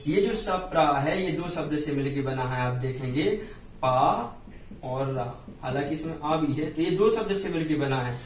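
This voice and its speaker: A man with a Hindi accent teaching a Sanskrit hymn, explaining each word and chanting the verses slowly. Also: fairly high pitch, expressive, slight background noise. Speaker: Jain scripture teacher. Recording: roomy echo, distant from mic.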